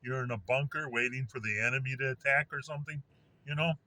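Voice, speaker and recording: A man talks to his camera at home in a loose, rambling way. He restarts his sentences often and fills the gaps with "you know" and "um." His voice sits at an ordinary middle pitch. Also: fast talker, bright, forceful tone, dry recording. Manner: rambling, many restarts and fillers, mimics explosion sounds. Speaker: vlogger. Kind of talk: casual rambling monologue.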